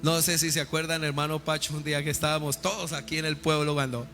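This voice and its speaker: A male pastor preaching a sermon with call-and-response questions, building to loud fervent peaks. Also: on the high side, little pitch movement, quick pace. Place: church sanctuary. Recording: reverberant church hall with faint music.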